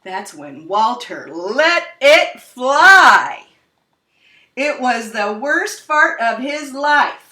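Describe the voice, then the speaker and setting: Reading a picture book to children, a woman draws out her words in a sing-song, dramatic way and takes her time. Her tone is bright, with big pitch swings. The recording sounds far off, with a roomy echo.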